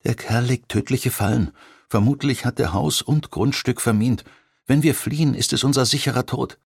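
A man's voice: mid-range voice, moderate pace, vocal fry, husky, dry recording, studio quality, pitched above the performer's own voice. A man doing a stern, tough woman agent. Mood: grim. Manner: firm, controlled, stern.

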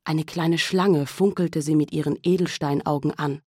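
A woman narrating a novel as an audiobook in a calm, measured storytelling manner. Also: low voice, breathy edge, dry recording, clean studio sound. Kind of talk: scripted narration.

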